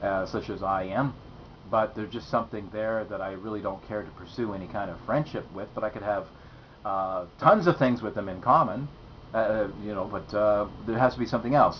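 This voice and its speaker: A man hosting a philosophical monologue, talking in a hesitant way with many fillers and restarts, leaning hard on key words. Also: on the low side. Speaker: host. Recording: dull lo-fi sound with faint noise.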